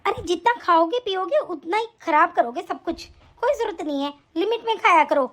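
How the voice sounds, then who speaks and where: A harsh, nagging daughter-in-law, as a woman plays her in an animated story. She scolds in a sharp, complaining tone. The voice is very high. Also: brisk. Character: cruel, scolding young daughter-in-law, mother.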